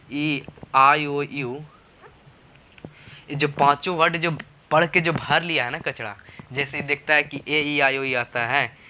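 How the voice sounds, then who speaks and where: Male spoken-English teacher, very bright tone, slightly high voice, repetitive and coaxing. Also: slight background noise. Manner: repetitive, coaxing, asks rhetorical questions. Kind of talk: classroom lesson explaining grammar.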